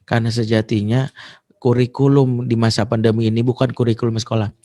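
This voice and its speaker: A man's voice: mid-range voice, level tone, a little fast, mellow. A man giving a parenting sermon as an Islamic preacher, emotive and acting out quotes.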